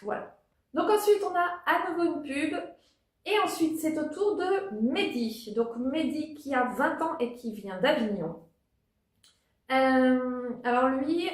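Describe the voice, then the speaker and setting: A woman giving a casual spoken review as a vlogger, hesitant, with many fillers and restarts. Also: on the high side. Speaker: vlogger reviewing a TV talent show. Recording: echoey room.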